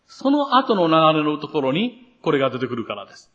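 Earnest man preaching a sermon, lively and animated, muffled lo-fi church recording. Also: on the high side, brisk. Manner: earnest, expressive preaching with rising emphasis. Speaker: pastor.

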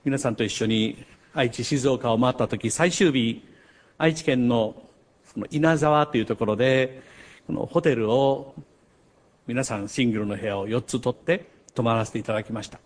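An older man preaching a sermon. He tells stories, rising to loud emphasis and dropping to hushed asides. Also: mid-range voice, moderate pace. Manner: storytelling with wide swings between loud emphasis and hushed asides. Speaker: pastor.

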